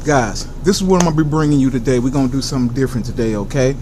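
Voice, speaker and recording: Rattling along rapid-fire in a mid-range voice, an American food reviewer hosts an enthusiastic, casual show, addressing viewers directly, using catchphrases and answering questions he poses himself, against a noisy background.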